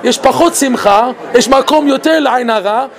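A man giving an animated Torah talk. He laughs often and asks many rhetorical questions. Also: extremely high pitch. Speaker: Torah teacher.

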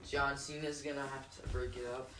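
A young man co-hosting a casual chat with friends, telling rambling stories and slipping into loud put-on voices. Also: medium pitch, level tone, fairly quick, echoey room, distant mic, very noisy. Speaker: podcast co-host.

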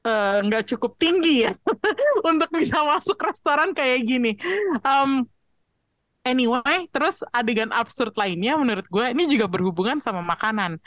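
Animated, high-voiced woman host. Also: no room sound. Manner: expressive, chatty, mixes in English phrases. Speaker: podcast host asking questions. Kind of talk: casual film discussion.

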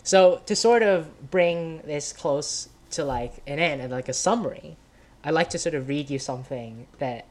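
A man's voice: a little high, normal speed. Rambling man with constant "right?". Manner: rambling, many "right?", "like", "sort of" fillers, frequent laughs. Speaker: podcast guest. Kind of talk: casual conversation.

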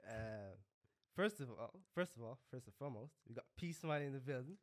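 A man's voice: medium pitch, expressive, brisk. A young man hosting a podcast in casual chat, hyped and repeating his phrases. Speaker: podcast host.

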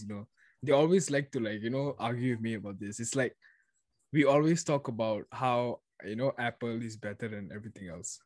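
A man's voice: mid-range voice, a little mellow, no echo. A young man hosting a casual podcast, rambling and repeating words in an upbeat way. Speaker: podcast host.

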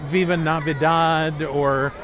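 A man hosting a casual walk-around chat outdoors, rambling in a halting way. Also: a little high, level tone. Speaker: podcast host. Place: outdoors walking through a busy theme park. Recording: outdoor park noise and crowd.

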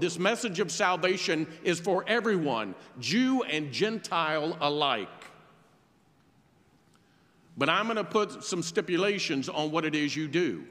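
Guy preaching a sermon, bright clear voice, long echo off the church walls. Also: a little high. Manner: storytelling preacher, measured and earnest. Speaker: pastor. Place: church sanctuary.

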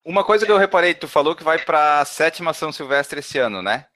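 A man's voice: on the high side, lively intonation, fast, sharp tone, slight background noise. A man co-hosting an interview, putting direct questions to a guest. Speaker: co-host asking questions. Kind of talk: casual interview chat.

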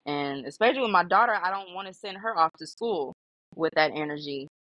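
A woman, a stay-at-home mom, talking candidly in a podcast chat, earnest and repeating herself, animated when she quotes herself. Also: on the low side, a little fast, dry recording, muffled recording.

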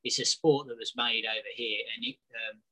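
Bright-voiced man telling jokey stories. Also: medium pitch, steady tone, a little fast. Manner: storytelling, joking. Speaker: beer review show co-host. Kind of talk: casual banter.

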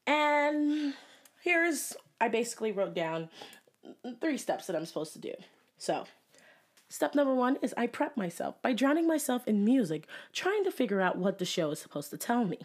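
A young woman hosting a casual solo podcast, chatty and giggly, sometimes dropping into a whisper. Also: medium pitch. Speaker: podcast host.

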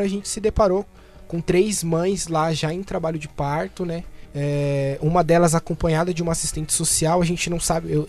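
A man, talking as a panel guest in a casual discussion, hesitant and often tagging his sentences with questioning asides. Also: sits high.

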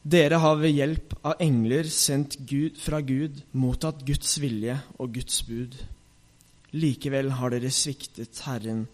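A man's voice: medium pitch, steady tone, darkish tone, lightly acted. Man voicing a bold adult preacher, solemn, rebuking, spoken like scripture, storybook reading. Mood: solemn rebuke.

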